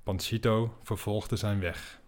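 A man hosting a podcast, telling an absurd comic story in a dry, deadpan way. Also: fairly low pitch, takes it slowly. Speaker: podcast host.

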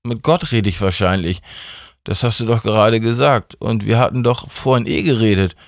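Man putting on a drowsy, calculating young woman in a storybook reading, higher voice, dry close sound. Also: moderate pace, dry recording, close to an everyday voice. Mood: drowsy sly. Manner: drowsy, then demanding. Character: sleepy, sharp-tongued young woman, calculating.

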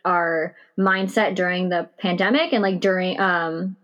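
A woman's voice: fairly low pitch, a little slow, lo-fi sound. Woman podcast host chatting informally. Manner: informal, hedging with "like" and "you know". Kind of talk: casual podcast conversation. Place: recorded in a shed.

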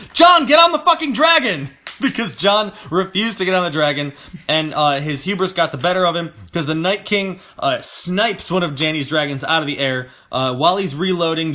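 A man's voice: fairly high pitch, pushed and bright. A young man casually recapping a TV episode, joking and laughing often between points. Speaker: podcast host recapping episodes.

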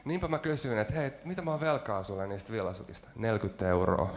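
Man, preacher, sermon in a church, anecdotal and joking, hesitant fillers, middle pitch. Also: animated, heavy background noise. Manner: storytelling with self-deprecating jokes and frequent fillers.

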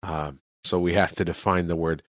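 A man's voice: deep voice, steady tone, moderate pace, no room sound, studio quality. A man from California, a missionary, talking earnestly about faith in an interview. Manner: earnest, preacherly.

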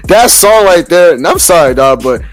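A man's voice: on the high side, animated, moderate pace, faint music behind. Laid-back man, casual profane chat. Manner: loose, profane, restarts a lot. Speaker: podcast co-host.

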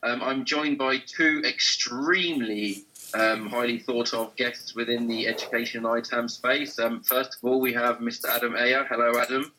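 A man hosting a podcast interview, chatty and relaxed, with lots of ums. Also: medium pitch, normal speed, slight background noise, poor audio. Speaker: podcast host.

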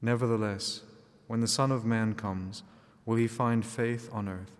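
A male priest reading the gospel and preaching in a measured, deliberate way, his voice carrying a cathedral echo. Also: fairly low pitch, fairly even intonation. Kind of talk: liturgy, gospel reading and homily. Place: large church. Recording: long reverb of a large church.

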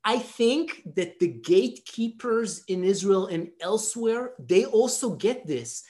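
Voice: medium pitch, animated, unhurried, a little mellow. A panelist giving an academic talk, thoughtful and hedging, with many fillers.

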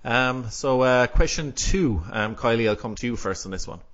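A man's voice: mid-range voice, moderate pace, fairly bright tone, lo-fi sound. Man with a west of Ireland accent. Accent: west of Ireland, Galway. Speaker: podcast host. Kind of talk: casual podcast chat.

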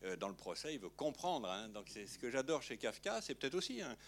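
A man's voice: medium pitch, big pitch swings, fairly quick, fairly bright tone. A film director talking in an interview, rambling and peppering his sentences with little fillers. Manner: rambling, filler-heavy, frequent "hein". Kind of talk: interview conversation.

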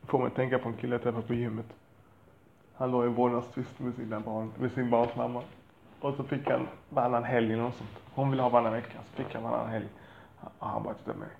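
A man speaks candidly about fatherhood with a gravelly, creaky voice. He rambles and swears bluntly with self-deprecating asides. The recording sounds a bit muffled, with faint noise behind him. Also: medium pitch, roomy sound. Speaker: father talking about parenting. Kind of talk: candid monologue.

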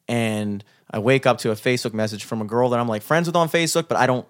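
A young man tells a story in a loose, rambling way, with likes and curse words piling up as he goes. His voice sits in an ordinary middle pitch. It is casual chat among friends. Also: fast. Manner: rambling, lots of fillers and swearing. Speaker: musician.

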